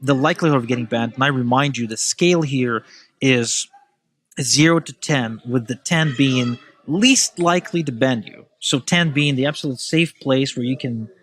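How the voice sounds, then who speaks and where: A man, speaking as a guest in a relaxed podcast chat. He is animated and opinionated, with a mid-range voice that rushes ahead in quick bursts and then slows down again. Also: mid-range voice. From Ukraine. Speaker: podcast guest, email marketer. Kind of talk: casual podcast conversation.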